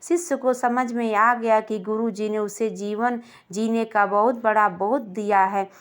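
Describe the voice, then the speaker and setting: A woman narrating a scripted moral story in a calm, gentle manner. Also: fairly high pitch, a little slow. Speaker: storyteller of moral stories for a channel.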